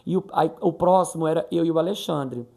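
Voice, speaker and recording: Chatty brazilian guy vlogging, raspy gravelly voice, acts out what people said. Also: fairly high pitch, a little fast, mellow. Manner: chatty, retelling dialogue with quoted voices. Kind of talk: casual storytelling vlog.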